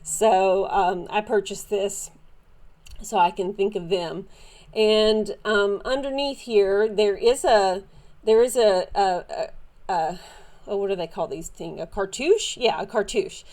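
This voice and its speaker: A woman with a Southern drawl talks through her latest finds in a relaxed, chatty way. She wanders off on tangents, restarts her sentences and fills the gaps with "um" and "uh." Her voice sits at an ordinary middle pitch. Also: takes it slowly. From Southern United States. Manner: chatty, meandering, many fillers and restarts. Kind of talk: casual show-and-tell haul.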